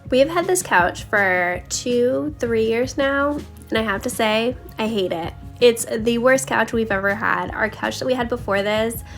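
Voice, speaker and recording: With background music underneath, a woman narrates her home vlog in a casual, intimate voice-over, talking directly to her viewers. Her voice is a little high and a little slow, with few pauses, and slightly scratchy, like she needs to clear her throat.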